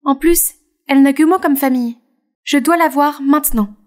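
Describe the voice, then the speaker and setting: A woman voicing a shy young webtoon artist who narrates her own story in an animated dub, with expressive storytelling. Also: high voice, moderate pace, close to an everyday voice. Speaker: narrator and heroine.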